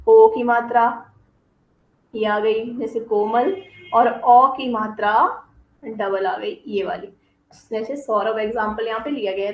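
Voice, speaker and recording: A woman's voice: fairly high pitch, roomy sound, muffled recording. A woman teacher giving a grammar lesson, explaining each term and then giving examples. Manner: explains terms, then gives examples, checks with "ठीक है". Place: coaching classroom.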